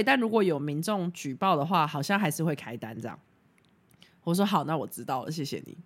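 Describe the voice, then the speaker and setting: A young woman chats through a casual podcast story. Her pitch swings up and down a lot, and she talks frankly, swears easily and laughs at her own mishaps. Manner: animated, frank, swears freely, laughs at herself. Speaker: podcast host.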